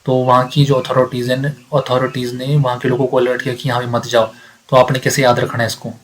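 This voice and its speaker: A man's voice: mid-range voice, completely flat delivery, fast, rough recording. A man teaching exam facts in a lecture, asking himself questions and answering them, repeating key points. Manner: repeats facts, asks and answers himself, mixes English readings. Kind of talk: explanatory lecture.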